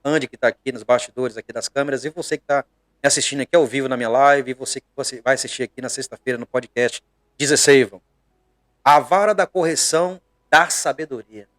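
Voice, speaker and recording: A middle-aged man from Bahia with a Brazilian accent, a pastor preaching conversationally on a podcast, earnest and emphatic, often pausing to hesitate. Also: mid-range voice, fairly even intonation, fairly bright tone, no echo.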